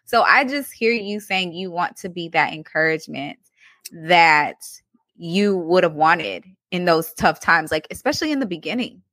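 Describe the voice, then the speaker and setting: A woman hosts a casual podcast chat, warmly affirming and animated as she draws her guest out. Her tone is bright and forceful. The sound is dry and close. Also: on the low side, moderate pace, no room sound. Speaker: podcast host.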